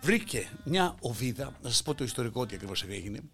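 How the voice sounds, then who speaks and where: A man delivering a mocking satirical monologue, swinging between loud outbursts and hushed asides. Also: mid-range voice, big pitch swings, soft background music. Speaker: satirical commentator.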